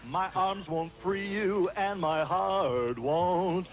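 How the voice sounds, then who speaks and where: A man singing as a smooth male lounge singer in an old advertising jingle, drawn out and crooning. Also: fairly high pitch, monotone, slow, music in the background, pitched above the performer's own voice.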